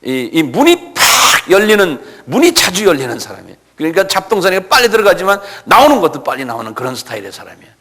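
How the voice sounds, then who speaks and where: Animated male pastor in an echoing hall. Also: sits high, fast, hardly any pauses. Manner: animated storytelling with rhetorical asides. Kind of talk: expository sermon.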